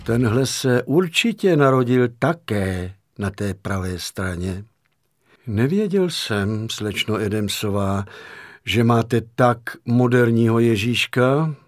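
A man's voice: mid-range voice, lively intonation, dry recording, studio quality, natural voice. A man doing a cheeky young suitor. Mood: amused. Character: dark-haired young man, cheeky and meek.

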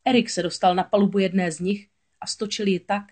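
A woman narrating a children's storybook aloud in a steady, expressive voice. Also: mid-range voice.

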